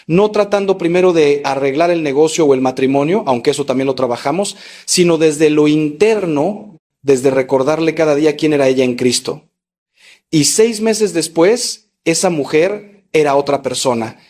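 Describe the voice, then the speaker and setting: Male priest, sermon delivery, slightly high voice, emphatic and repetitive, shifts between intense peaks and slow, low lines. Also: darkish tone. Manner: swings between raised, intense lines and low, slowed ones; addresses the listener directly.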